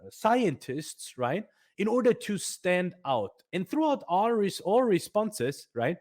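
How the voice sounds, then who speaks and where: A man with a high voice presents career advice for a nonprofit foundation, speaking emphatically with many fillers and restarts.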